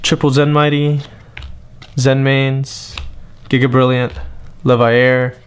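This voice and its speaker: A young man from New England gives a frustrated monologue, complaining at length and then reading out a list of cards in a flat voice. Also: mid-range voice, slow, clear, resonant tone. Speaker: card game vlogger. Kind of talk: monologue rant and tournament report.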